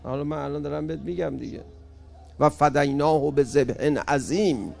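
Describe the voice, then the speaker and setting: High, gravelly preacher man. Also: a faint crowd. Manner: dramatic, shifts between loud exhortation and soft pleading. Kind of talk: emotional religious sermon.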